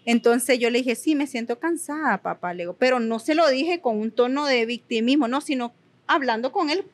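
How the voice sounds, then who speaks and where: A woman's voice: fairly high pitch, a little fast. A young woman giving earnest, emphatic personal testimony in an interview, repeating words for emphasis. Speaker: guest sharing her story.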